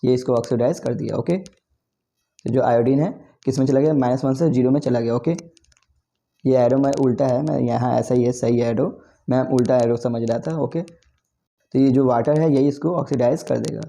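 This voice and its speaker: A man's voice: medium pitch, steady tone, moderate pace, gravelly, mellow. A man teaching chemistry for an exam, explaining step by step with many repeats and self-corrections. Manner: repetitive, self-correcting explanation with frequent 'theek' and 'okay'. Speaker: chemistry tutor. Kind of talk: exam-prep lecture.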